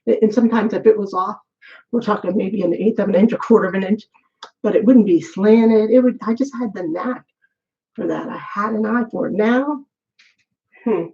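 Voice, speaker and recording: Her mid-range voice moving at a moderate pace, a middle-aged woman braids her hair on camera while rambling candidly and talking to herself, somewhat breathless. The recording sounds lo-fi.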